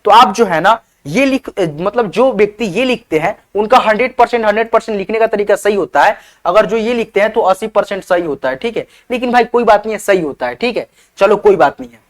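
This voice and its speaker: A high-pitched online teacher speaks a little fast with hardly any pauses as he teaches beginners to spell, breaking words into letters. Addressing viewers as his friends, he keeps checking in with "theek hai" and asks them to leave comments.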